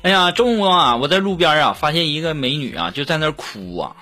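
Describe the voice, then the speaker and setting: A man's voice: a little high, a little fast. A young man, hosting a comic monologue and chuckling through his punchlines. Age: young adult. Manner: animated joke-telling, chuckling through punchlines. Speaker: host. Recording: voice over loud background music.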